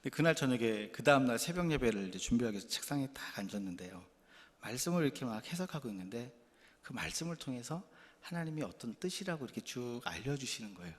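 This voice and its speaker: A male pastor preaching a sermon through stories, animated and candid, dropping to quiet asides and then rising into loud, emphatic bursts. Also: mid-range voice, quick pace, in a large hall. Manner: candid, self-deprecating confession. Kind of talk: storytelling sermon.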